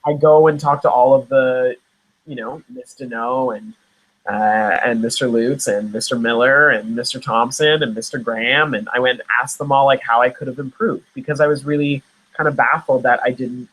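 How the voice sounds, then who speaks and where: A man's voice: mid-range voice, steady tone, normal speed, fairly bright tone, rough recording. A young man from Nova Scotia, an actor guest in a casual interview, talking in a rambling way with many fillers and restarts. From Nova Scotia, Canada.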